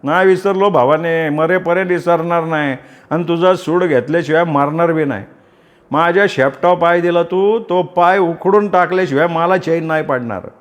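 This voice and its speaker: A snarling village thug, coarse and taunting, voice pushed up higher than a plain talker's and hurling threats, as a man puts him on. he sounds drunk on his own swagger, in a storybook reading. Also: normal speed, long reverb tail, natural voice. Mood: threatening. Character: drunken rural bully man, spiteful and boastful.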